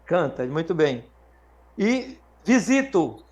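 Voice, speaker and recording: Brazilian male teacher, high-pitched, patient classroom drilling, models words slowly. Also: big pitch swings, darkish tone. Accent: Brazilian Portuguese. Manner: patient, drills students with questions; repeats and slows words to model them. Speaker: Latin teacher. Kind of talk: live classroom lesson.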